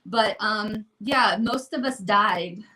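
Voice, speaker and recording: Bright-voiced woman in her thirties. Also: mid-range voice, slow, a little hiss or hum, poor audio. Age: 30s. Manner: candid and animated, talks over others. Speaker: livestream co-host. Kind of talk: casual livestream chat. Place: home, at a mirror by a window.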